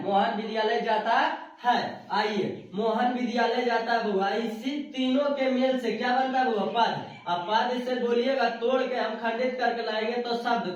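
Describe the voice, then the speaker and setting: A very high-pitched male teacher in a spoken video lesson affectionately drills students with repetitive questions and answers. He sounds far from the mic in a very echoey room, and the audio is dull.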